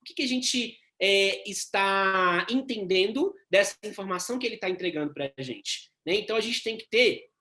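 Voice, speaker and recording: Fast-talking nursing instructor. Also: male voice, high-pitched. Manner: fast-talking, frequent tag questions, animated. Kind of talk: recorded lecture.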